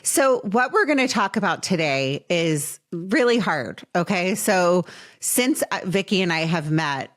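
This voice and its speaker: Earnest low-voiced woman podcast host. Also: lively intonation, a bit bright. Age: late 20s. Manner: earnest and affectionate, slow in emotional moments. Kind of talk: heartfelt podcast interview.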